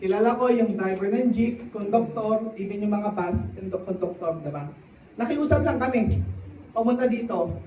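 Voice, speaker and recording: A man giving a motivational testimony to a live audience, often turning to the crowd with quick questions. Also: high voice, mellow, slight background noise. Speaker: testimonial speaker at a sales event. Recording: echoey hall, voice from a distance.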